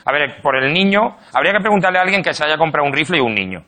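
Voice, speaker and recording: Man, slightly high bright voice, rambling, hesitant comic talk. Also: expressive, rapid-fire. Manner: rambling, hesitant, bursts into shouts. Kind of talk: casual comedic chat.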